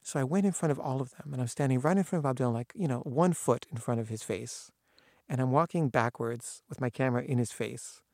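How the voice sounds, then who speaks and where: A man's voice: medium pitch, no echo, studio quality. A man telling a personal story in a casual way, acting out the people he quotes, with frequent restarts. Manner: animated, acts out quoted voices, halting restarts. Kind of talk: casual anecdote.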